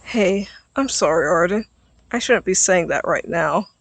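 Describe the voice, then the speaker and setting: A man voicing a cheerful, caring teenage boy who talks eagerly and warmly in a storybook reading. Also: animated, measured pace, creaky, no room sound, full character voice. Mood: apologetic. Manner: eager and warm, pitched up and louder. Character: cheerful caring teen boy, the best friend.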